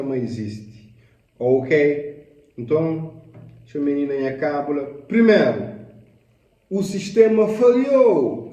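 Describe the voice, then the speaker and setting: A man's voice: high voice, dark tone, far from the mic. Slangy male commentator in an echoey room. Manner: loose, slangy, mixes in English phrases. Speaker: commentator reacting to a video. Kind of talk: casual commentary with opinion.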